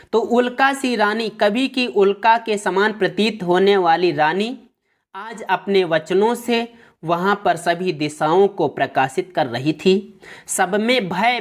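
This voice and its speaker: A woman teacher who reads a verse aloud and then explains it line by line in plain words. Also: lowish voice. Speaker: Hindi teacher.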